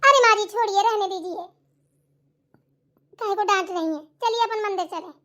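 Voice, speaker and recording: A woman's voice: very high voice, normal speed, bright, forceful tone. A woman voicing a sly, gossiping young daughter-in-law in a cartoon, teasing with chuckling asides.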